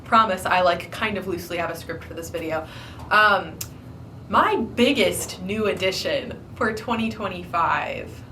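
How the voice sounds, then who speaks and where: A young woman with a slightly low voice, a bit congested and stuffy, talking loosely to camera with frequent ums and likes. She sits a little back from the mic, with faint room noise behind her. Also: bright, forceful tone, far from the mic. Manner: rambling, many ums and likes. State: congested from flu. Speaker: hobby collector vlogger. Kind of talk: casual chat to camera.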